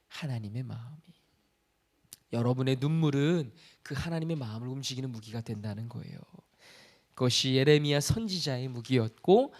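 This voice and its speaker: A man's voice: fairly high pitch, darkish tone. A male pastor giving a conversational sermon, asking the congregation questions and acting out quoted speech. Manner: conversational preaching with rhetorical questions; acts out God's voice in quoted lines.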